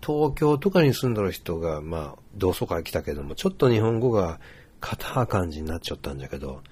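Man, Hiroshima dialect, husky voice, easygoing rambling monologue, lots of fillers. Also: sits low, fast. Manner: relaxed, rambling, many fillers. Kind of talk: casual spoken monologue.

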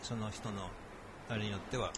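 A man's voice: fairly low pitch, steady tone, fairly bright tone. A man coaching on spoken English in casual chat, dropping in English phrases. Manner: quick, mixes in English phrases. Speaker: co-host and English speaking coach.

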